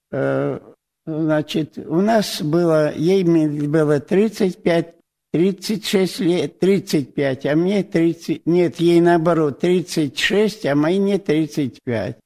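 An elderly man in his eighties speaks slowly to a church congregation, his voice a touch higher than most men's. He falters often, stopping to restart his words. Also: darkish tone. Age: 80s. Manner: halting, many restarts and hesitations. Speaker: presbyter. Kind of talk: testimony in church.

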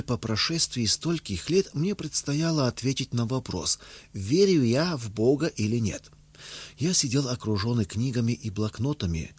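A man reading a memoir aloud as an audiobook narrator, in a steady, measured way. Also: lowish voice, breathy edge.

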